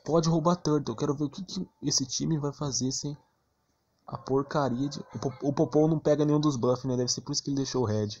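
A gameplay streamer with a Brazilian Portuguese accent gives casual, slangy, blunt commentary with mild cursing. His voice is a little high, a little fast and slightly mellow, and the audio sounds dull.

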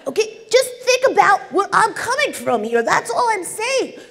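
A woman voicing a gentle female snail who pleads in a high, sweet voice. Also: sing-song, moderate pace, gravelly, full character voice. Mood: insistent. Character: earnest, squeaky-voiced female snail with a shell. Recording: long reverb of a conference hall.

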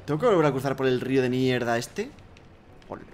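A man from Spain with a Spain Spanish accent, commenting on a video game he plays, excitable, swearing and singing silly bits. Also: mid-range voice, fairly quick, a little hiss or hum. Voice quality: excitable, swearing, sing-song silly outbursts. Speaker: gaming youtuber. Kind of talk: let's play commentary.

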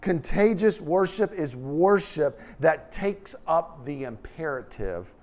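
A middle-aged man preaching a sermon in a church hall, animated and gesturing, swinging from loud emphasis to quiet asides. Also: fairly high pitch, slow. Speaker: pastor.

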